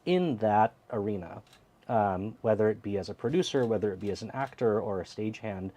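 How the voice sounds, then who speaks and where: Earnest reflective guy in his thirties, mellow tone, kinda low. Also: lively intonation, fairly quick. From United States. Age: 30s. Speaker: theater co-producer, guest. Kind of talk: interview conversation.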